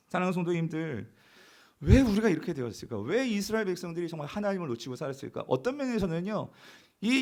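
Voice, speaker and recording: A male pastor with a high-sitting, darkish voice preaches a sermon. He calls out questions to the congregation, his voice swelling and dropping as he goes.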